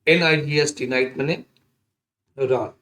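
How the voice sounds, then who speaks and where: A man teaching a lesson, slowly spelling out words letter by letter. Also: mid-range voice, fairly even intonation, a bit bright. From India. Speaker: English teacher. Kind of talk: spoken English lesson.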